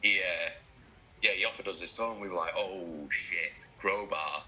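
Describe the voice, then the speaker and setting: A man in a band being interviewed, talking casually, excitable and sweary, laughing often. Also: low voice, fast, rough recording.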